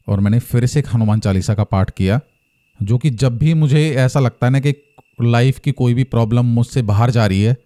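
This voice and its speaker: A man telling his own ghost story in a casual, earnest way, slowing down at the tense moments. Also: lowish voice, warm tone. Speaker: horror storyteller. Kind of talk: casual first-person storytelling.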